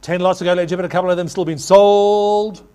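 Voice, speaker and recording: High-pitched man calling an auction. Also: fairly even intonation, dark tone, clear, resonant tone. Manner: repeats figures in rapid chant when taking bids. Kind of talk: live property auction calling.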